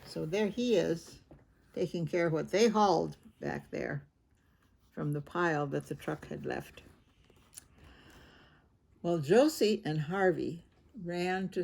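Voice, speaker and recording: In a lowish, creaky voice, a woman reads a children's picture book with plenty of expression. She voices the characters' dialogue and breaks off for informal remarks about the pictures.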